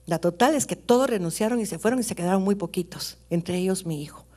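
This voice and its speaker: A middle-aged woman preaching a sermon, swinging between loud, high exclamations and hushed whispers as she tells stories. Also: fast.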